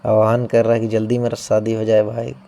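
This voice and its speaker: In an exam-prep coaching lesson, a man explains material with playful memory aids and keeps checking in with his class. His fairly low, dark-toned voice is completely flat and runs a little fast.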